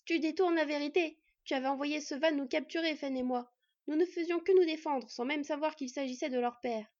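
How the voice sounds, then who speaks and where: A brave, defiant teenage boy who argues heatedly and pleads earnestly, voiced by a woman reading aloud. His voice is pitched high and breathy, with a dry, slightly dull sound. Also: fairly even intonation, moderate pace, dark tone, dry recording. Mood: angry.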